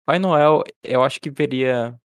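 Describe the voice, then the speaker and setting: A man's voice: mid-range voice, unhurried, smooth, dry recording, clean studio sound. A man with a Brazilian Portuguese accent, co-hosting a podcast in casual chat and often stumbling and restarting his words. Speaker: podcast co-host.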